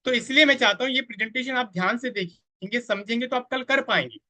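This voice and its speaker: A man's voice: very high-pitched, fast talker, bright, forceful tone. A man giving a live online training on network marketing, who speaks to his audience directly and keeps asking them to type their answers in the chat. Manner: addresses the audience directly, asks for chat replies; quotes others in a voice of their own.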